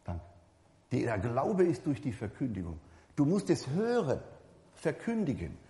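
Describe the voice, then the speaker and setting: Male preacher, warm low-key timbre, loose and chatty sermon delivery, long church-hall reverb. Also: huge pitch swings, measured pace. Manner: conversational, addresses the congregation directly, repeats and corrects himself.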